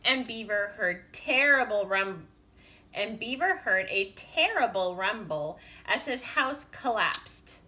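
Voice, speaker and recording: A woman preschool teacher reading a picture book aloud to her class, gentle and expressive with chatty asides. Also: mid-range voice, slow.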